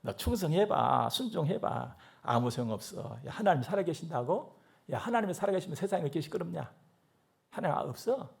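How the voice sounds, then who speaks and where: A preacher voicing a scornful tempter spirit that needles and mocks with questions. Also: male voice, a little high, lively intonation, brisk, creaky, breathy edge, full character voice. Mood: taunting.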